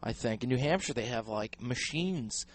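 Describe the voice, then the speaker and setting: A man co-hosting a loose, casual talk radio show, animated and joking, talking into a headphone mic in a studio. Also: medium pitch, normal speed, a crowd in the background. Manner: animated, joking, says dude a lot. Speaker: radio co-host.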